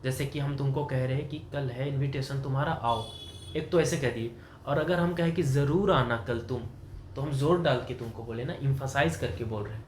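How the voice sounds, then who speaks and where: A man's voice: mid-range voice, a little fast, darkish tone, slight background noise. A man teaching English grammar to a student, explaining in Hindi with English terms and asking questions that he often answers himself. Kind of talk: classroom grammar lesson.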